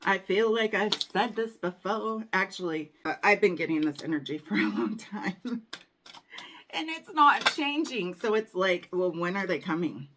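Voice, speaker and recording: A woman reads tarot cards for her viewers in a casual, chatty way. Her voice sits a little low, and she often calls them darling. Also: expressive, moderate pace, noisy background. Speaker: tarot reader. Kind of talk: casual tarot reading to camera.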